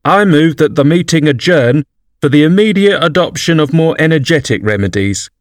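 Man putting on a dodo bird, solemn, long-winded, higher voice, dry sound. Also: lively intonation, normal speed, no echo, lightly acted. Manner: solemn and wordy.

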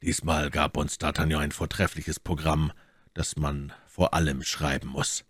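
A man voicing a grave, brooding musketeer in an audiobook reading, speaking low and subdued. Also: level tone, measured pace, fairly bright tone, slightly rough, no room sound, clean studio sound, full character voice. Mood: dry.

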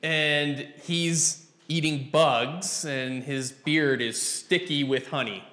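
A preacher speaks very slowly and deliberately, his voice a little higher than most men's. He has a folksy way of talking. His words ring out into a roomy church with a long, trailing reverb. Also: fairly even intonation, sharp tone. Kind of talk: sermon with opening prayer. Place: church sanctuary.

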